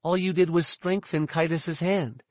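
A man putting on a steady young Jedi woman. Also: fairly high pitch, measured pace, no echo, clean studio sound, voice pushed up, lightly acted. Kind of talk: audiobook narration.

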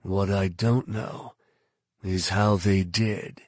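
A man voicing a curt, hardened male bounty hunter in an audiobook, husky and clipped. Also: low voice, steady tone, slow, a little mellow, no room sound, studio quality. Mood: grim. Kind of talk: audiobook narration.

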